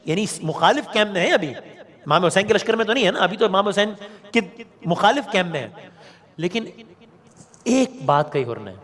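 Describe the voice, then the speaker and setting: High-voiced man telling a devotional story. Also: very animated, long pauses, a bit bright. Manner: dramatic, poses rhetorical questions, repeats key phrases. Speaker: religious storyteller and host. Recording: long reverb hall.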